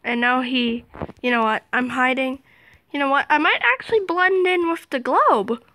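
A woman giving excited game commentary, dropping to whispers and jumping to shrieks. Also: sits high, normal speed, low-quality recording. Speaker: gaming video host.

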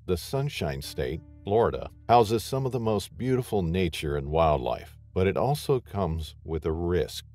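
A man giving scripted narration in a steady, dramatic storytelling manner. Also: low voice.

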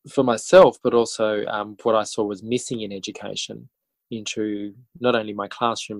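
An Australian man in his forties from country New South Wales, a schoolteacher and author, appears as a podcast guest. His fairly low, gravelly voice sounds very dry with no room sound in a low-quality recording, and he speaks casually and reflectively, often pausing and rephrasing as he goes.

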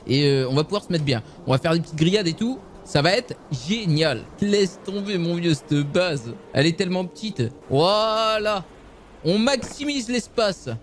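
A young man casually commenting on a survival game for his viewers, excitable and swearing often. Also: sits high, moderate pace, a little hiss or hum. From France. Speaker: gaming youtuber.

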